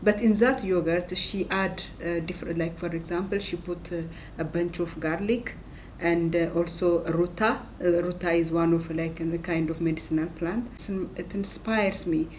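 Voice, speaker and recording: A middle-aged woman with an Ethiopian accent speaks about her research in a talking-head interview. Her voice sits low for a woman, and she talks in short, halting phrases. A faint rumble hums behind her. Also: steady tone, darkish tone. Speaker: plant scientist and professor.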